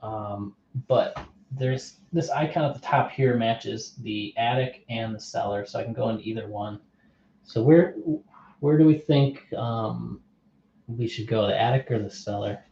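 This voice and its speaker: A man plays a board game on stream in casual play-through commentary, thinking aloud, reading rules off the cards and asking unseen viewers for their opinions. His voice is medium-pitched, measured, gravelly and dark, in a muffled, echoey room with a bit of hiss or hum.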